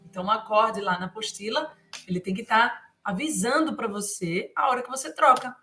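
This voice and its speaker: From Brazil, this woman teaches a live guitar lesson, singing brief mantra lines before patiently walking through the chord changes, often using fillers. Her voice sits on the high side and moves a little fast, with a bright, forceful tone. Faint guitar playing can be heard behind her.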